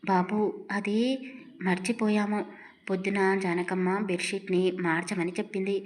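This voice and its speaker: A woman's voice: mid-range voice, level tone, normal speed, natural voice. Deferential middle-aged maid, humble and polite, voiced by a woman reader, storybook drama. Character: humble middle-aged female house servant.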